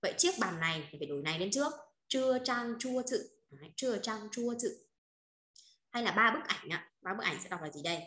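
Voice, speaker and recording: A woman's voice: fairly low pitch, expressive, fast, pushed and bright, echoey room. A woman teaching Chinese vocabulary, repeating points and checking often with her students. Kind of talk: online vocabulary lesson.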